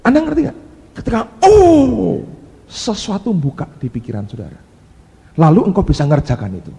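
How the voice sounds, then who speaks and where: A male pastor delivers a sermon in an animated way, breaking into sudden exclaimed cries. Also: fairly high pitch, fast, long reverb tail.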